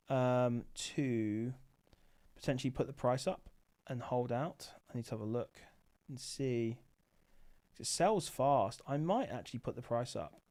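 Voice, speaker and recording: A man's voice: mid-range voice, darkish tone. A man hosting a late-night livestream, chatting casually and thinking aloud with many fillers, sounding tired. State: tired, sleepy. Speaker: livestream host, Amazon seller.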